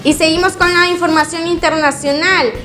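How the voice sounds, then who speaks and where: A woman news anchor reading scripted headlines in a formal, crisp way. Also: very high voice, fairly even intonation, moderate pace, pushed and bright, soft background music.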